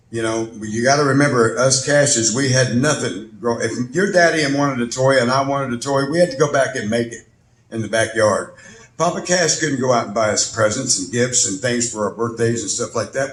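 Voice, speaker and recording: Folksy storytelling man, echoey room. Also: mid-range voice. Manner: folksy, laughing often. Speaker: singer-songwriter. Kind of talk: storytelling with a song.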